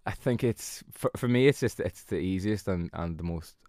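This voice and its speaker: A man's voice: low-pitched, moderate pace, a little mellow, no echo, clean studio sound. A man with a Donegal Irish accent, chatting casually as a musician in an interview, in a modest, hesitant, easygoing way. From Donegal, Ireland.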